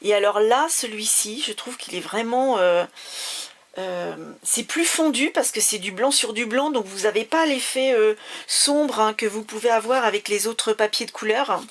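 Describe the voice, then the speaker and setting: A woman's voice: fairly high pitch, moderate pace. A woman from France giving a casual papercraft tutorial, talking with many fillers and restarts. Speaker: papercraft demonstrator.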